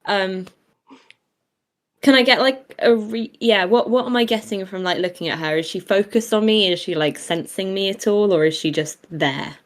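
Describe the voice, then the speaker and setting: A woman takes part in a tabletop role-playing game as a player. Her voice is medium in pitch and her delivery is casual and improvised. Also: moderate pace, few pauses.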